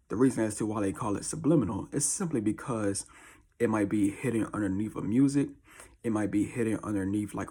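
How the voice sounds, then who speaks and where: A man with a deep, husky early-morning voice, chatting casually as a video host in a slangy, repetitive way. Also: a little mellow. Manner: slangy, informal, repeats catchphrases. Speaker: YouTube host. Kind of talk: casual chat to camera.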